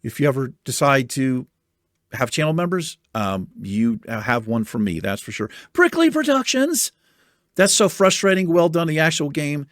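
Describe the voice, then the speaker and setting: An American YouTube host with a soothing voice reads out viewer comments in a lively, swinging style, pitched on the high side at a normal speed. He's animated and chatty, swearing casually and laughing often, as if among friends. The audio is dry and close, without room echo.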